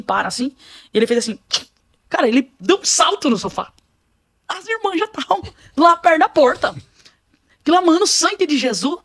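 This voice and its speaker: Woman, fairly high voice, vivid storyteller, podcast guest testimony. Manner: vivid storyteller, acts out scenes. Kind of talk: personal spiritual testimony.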